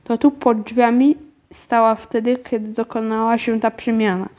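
A woman reads a children's story aloud at an even, calm pace. Her voice sits a little above the usual pitch for a woman. Now and then she trips over a word and starts it again. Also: normal speed. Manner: calm, even narration with small slips. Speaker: narrator. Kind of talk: storybook reading.

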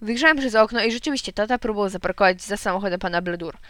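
A woman narrating a children's storybook in a lively, expressive way. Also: medium pitch, very fast, no room sound, studio quality. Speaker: audiobook narrator. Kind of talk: storybook reading.

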